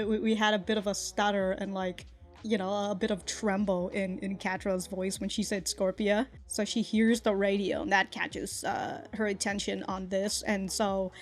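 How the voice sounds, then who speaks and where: A woman's voice: mid-range voice, steady tone, measured pace, faint music behind. A woman hosting a casual reaction video, rambling with stammered restarts and frequent laughter.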